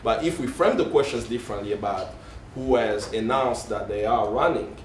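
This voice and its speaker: A man's voice: on the low side, moderate pace. A man speaking as a panelist who searches for words, corrects himself and says um and uh often. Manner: searching, self-correcting, frequent um and uh. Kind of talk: panel discussion. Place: conference hall panel. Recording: roomy hall, distant mic, faint noise.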